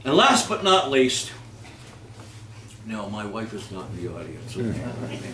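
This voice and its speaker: A fairly low-pitched man with huge swings in pitch hosts a live holiday readers theater at a slow pace. He jokes, hesitates and repeats words during this casual stage show of comic readings. The sound is distant, echoey and noisy, recorded in a hall with an audience.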